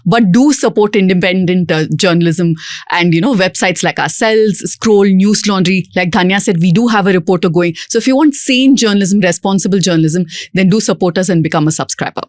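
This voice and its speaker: A woman's voice: on the low side, a little fast, a little mellow, dry recording, studio quality. A woman with an Indian English accent, a journalist on a talk show, addressing viewers conversationally.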